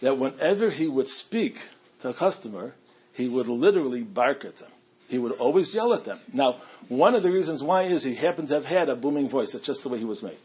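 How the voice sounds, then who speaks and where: A man's voice: mid-range voice, lively intonation, fairly quick, darkish tone, husky. A middle-aged man giving a storytelling talk to a community audience, chatty and self-amused, with frequent restarts.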